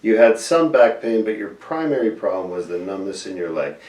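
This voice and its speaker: A man's voice: fairly low pitch, big pitch swings, fairly quick, darkish tone. A man, a surgeon interviewing his patient and explaining procedures in plain terms to viewers. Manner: explanatory, addresses viewers directly. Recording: distant mic in echoey room.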